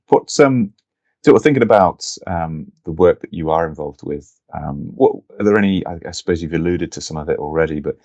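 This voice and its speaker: A man's voice: sits low, darkish tone, no echo, dull audio. A man hosting a podcast, asking friendly interview questions in loose phrasing with fillers. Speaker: podcast host.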